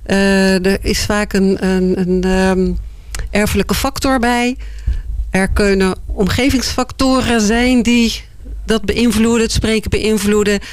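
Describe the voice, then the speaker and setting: A woman answering interview questions in a thoughtful, hesitant way, often pausing with fillers. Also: mid-range voice, steady tone, no echo. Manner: thoughtful, hesitant, many "eh" and "ja" pauses. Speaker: board member of a foundation, interview guest.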